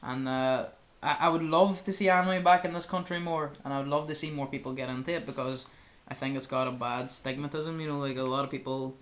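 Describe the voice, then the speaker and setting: A man's voice: medium pitch, steady tone, brisk, hardly any pauses, a bit bright. Rambling young man. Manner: rambling, heavy on filler words. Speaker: podcast co-host. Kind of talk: casual chat.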